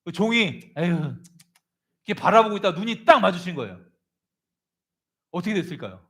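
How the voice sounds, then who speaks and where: A male pastor preaching a sermon, telling a story with animated delivery and calling on congregation members by name. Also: high-pitched, brisk.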